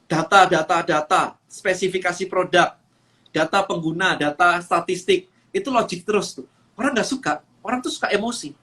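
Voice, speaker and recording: A high-pitched man from Indonesia coaches on a live stream. He talks with lots of energy, scattering English phrases and fillers through his points. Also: moderate pace, sharp tone. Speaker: business coach.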